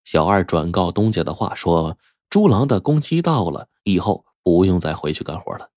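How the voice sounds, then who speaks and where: A man narrating a serialized folk tale as a storyteller, with expressive, dramatic delivery. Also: deep voice, normal speed, no room sound, studio quality.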